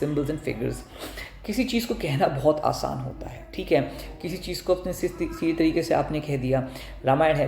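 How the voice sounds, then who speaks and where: A man teaching an exam-prep lesson, mixing Hindi and English. He explains step by step, poses rhetorical questions and answers them, and often clears his throat. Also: a little high, a little mellow, slight background noise. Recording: echoey room.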